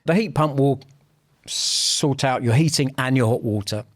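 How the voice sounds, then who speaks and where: Bloke explaining stuff on a podcast, lots of ums, mid pitch, dry close sound. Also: male voice, a little slow, dry recording. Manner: hesitant, many ums and restarts, explanatory. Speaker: heating sales manager, interview guest. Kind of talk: explanatory interview answers.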